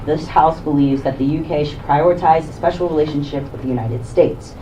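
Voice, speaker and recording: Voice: medium pitch, brisk, dark tone. A young student debater giving an organized, upbeat opening speech. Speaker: debater, prime minister bench. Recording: distant mic with faint room noise.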